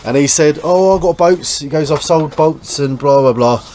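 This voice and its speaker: In his boat restoration vlog, an Englishman speaks with a warm tone, a fairly high pitch, and normal speed while he works. He keeps things informal and blokey, explaining the job on and around a small boat as background noise from the site carries on.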